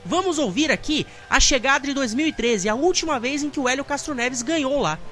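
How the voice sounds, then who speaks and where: A man's voice: extremely high pitch, lively intonation, a little fast, bright, forceful tone, faint music behind. A Brazilian man presenting a motorsport talk show as its host.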